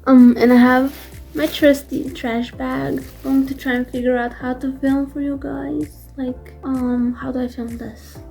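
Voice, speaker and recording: Chatty young woman vlogging, high soft mellow voice, rambles n jokes about herself. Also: flat delivery, a little slow, creaky, faint music behind. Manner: chatty, rambling, self-deprecating. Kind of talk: casual vlog chat.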